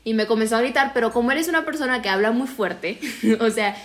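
A woman's voice: fairly high pitch, fairly quick. A young Mexican woman chats on a family podcast as the daughter. Her talk is casual and slangy, and fillers run all through it. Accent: Mexican Spanish. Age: young adult. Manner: chatty, filler-heavy slang.

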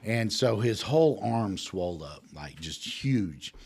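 A man's voice: on the low side, big pitch swings, unhurried, darkish tone, husky. A middle-aged man, telling a rambling, profane story in casual talk. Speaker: podcast guest.

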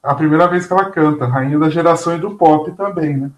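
Echoey, campy Brazilian man with a highish voice. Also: fast. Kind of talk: casual TV series gossip. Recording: roomy, echoey voice pickup.

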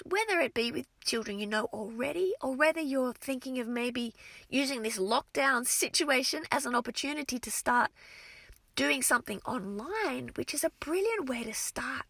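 A woman French teacher gives casual advice to fellow teachers, her high, bright voice full of energy. She often stops and restarts her sentences. There is a gravelly edge to her voice, and the sound is dry and close. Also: no room sound. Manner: expressive and energetic, with frequent restarts. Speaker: French teacher for young children.

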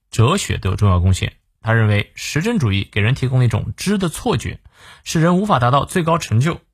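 A man hosts a morning English lesson, breaking a quotation into single words. He explains patiently, dropping short "ah" fillers between phrases, at a mid-range pitch. The recording is dry and close. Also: breathy edge, no room sound. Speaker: English teacher and host.

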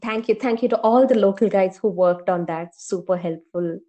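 A woman co-hosting a casual podcast, telling a story in a lively way and acting out the voices she quotes. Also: mid-range voice, moderate pace, lo-fi sound. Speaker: podcast co-host.

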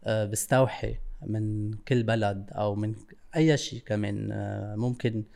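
A man's voice: on the low side, steady tone, moderate pace, vocal fry, a little mellow. A man with a Levantine Arabic accent from Lebanon, chatting casually as an interview guest, searching for words and often switching into English. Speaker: interview guest, creative stylist.

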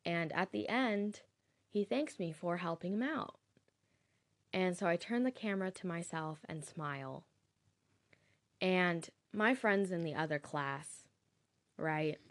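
A young woman tells a candid, casual story in a deep, low voice. She talks slowly and unhurriedly, swearing now and then and laughing at herself.

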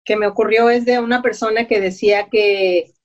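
A woman's voice: medium pitch, fairly even intonation, normal speed. A woman coach giving an earnest, encouraging talk that speaks straight to the listener. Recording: dull lo-fi audio.

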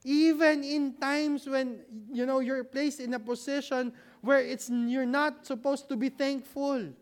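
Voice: sits high, level tone, measured pace. A preacher giving a conversational sermon in a church hall, posing questions and answering them, checking in with the congregation and adding humorous asides. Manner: rhetorical, asks and answers own questions with frequent "right?".

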